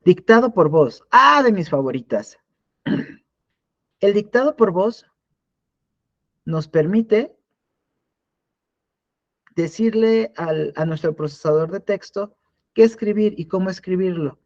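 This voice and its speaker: A man's voice: high-pitched, lively intonation, takes it slowly, long pauses, highs cut off. A man teaching a live online class in a conversational way, often restarting and repeating words. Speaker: instructor.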